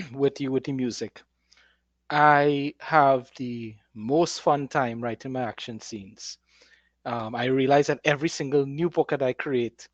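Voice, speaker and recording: With a medium-pitched voice captured in a dry, lo-fi recording, a man acting as host and author talks casually about writing. He explains things with obvious enthusiasm.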